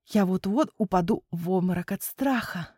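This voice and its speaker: A woman voicing an excitable little girl piglet who squeals and chatters eagerly in a children's storybook. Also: medium pitch, normal speed, husky, no room sound, clean studio sound, lightly acted. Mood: excited.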